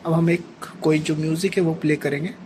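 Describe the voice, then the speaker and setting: This technician's voice sits on the high side, brisk with fairly even intonation, and he has an Indian accent. He demonstrates equipment hands-on in a step-by-step tutorial, often adding a short check-in tag, in a clearly noisy amateur recording full of ambient sound.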